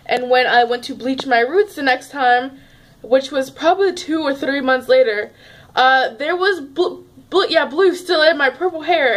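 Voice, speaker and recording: A young woman chatting casually in a home vlog, rambling and restarting her sentences as she talks to her viewers. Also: high-pitched. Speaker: vlogger. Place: home room, at a table.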